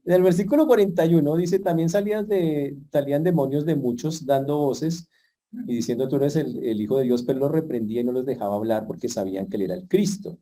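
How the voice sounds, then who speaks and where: A man's voice: on the high side, mellow. A man preaching a sermon in a conversational way, with playful asides. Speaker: pastor.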